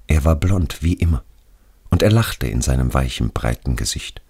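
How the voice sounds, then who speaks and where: A man narrating a literary short story in a quiet, measured way with a creaky, husky voice. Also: extremely low pitch, animated. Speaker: reader.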